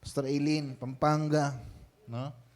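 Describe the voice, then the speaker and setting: A man's voice: on the high side, little pitch movement, slow, a little mellow. A man with a Filipino accent, a senior pastor giving a sermon in a conversational style and often checking in with the congregation. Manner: conversational preaching, frequent tag questions.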